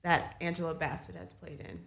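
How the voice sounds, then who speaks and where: A woman's voice: sits low, expressive, fairly quick, creaky. A woman hosting a radio show, asking questions and reacting in casual studio chat.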